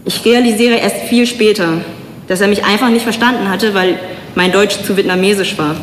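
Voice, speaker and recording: A young woman from Germany giving a public talk, telling personal stories in an earnest, measured way with slow, emphatic pauses. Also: mid-range voice, slight background noise. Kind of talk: personal spoken-word speech. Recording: echoey hall with long reverb.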